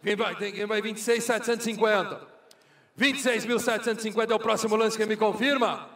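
A man's voice: sits high, fairly even intonation, quick pace, a bit bright. A Brazilian man working as a car auctioneer, calling bids in a repetitive, formulaic chant. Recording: echoey hall, far from microphone.

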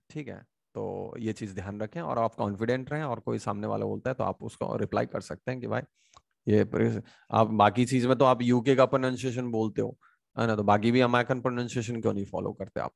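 A man with an Indian English accent teaches grammar in Hindi, asking questions and answering them himself. His voice has a gravelly, fry-tinged edge. It is recorded close and dry, with no room sound. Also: lowish voice, darkish tone, dry recording. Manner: many hesitation sounds and restarts. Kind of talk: online grammar lesson.

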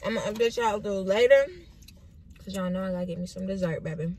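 A young woman vlogging from inside a car, teasing her mother and chewing loudly between words. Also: mid-range voice, fast talker. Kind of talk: casual vlog chat. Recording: noisy car recording.

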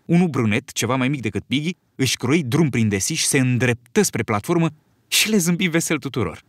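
Male storyteller, lively, expressive intonation, dry close studio sound. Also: medium pitch, no echo. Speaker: audiobook narrator. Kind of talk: scripted narration.

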